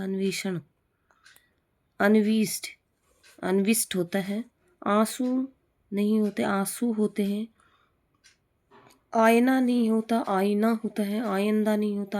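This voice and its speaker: A woman teaching Hindi spelling for an exam, slowly repeating the wrong and the right form of each word. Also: mid-range voice, darkish tone. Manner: slow, repetitive drilling of correct forms. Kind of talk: spelling lesson for exam prep.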